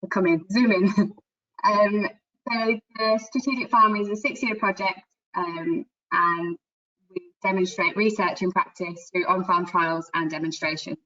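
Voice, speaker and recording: A woman presenting slides in an online webinar in a steady, informative way, her audio cutting out and uneven in volume. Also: medium pitch, a little slow, no room sound. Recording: dull, dropping-out call audio.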